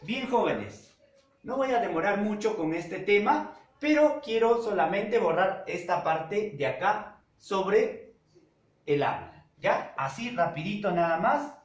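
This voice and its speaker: A man teaching a secondary school language class, speaking slowly and deliberately, repeating key terms and checking in with his students. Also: high voice, lively intonation. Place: classroom with a whiteboard. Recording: echoey classroom.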